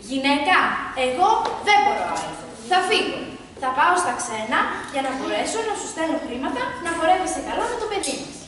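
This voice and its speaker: A poor village father, worn out by work, declares loudly and emphatically that he will leave, as a woman storyteller voices him. The voice is high and sounds from far off in a very echoey hall with background noise. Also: animated, long pauses, crowd noise. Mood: determined. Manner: loud, emphatic.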